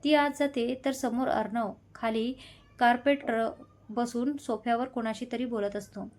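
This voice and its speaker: Brief: female storyteller, scripted romance narration, steady and dramatic, slightly high voice. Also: measured pace.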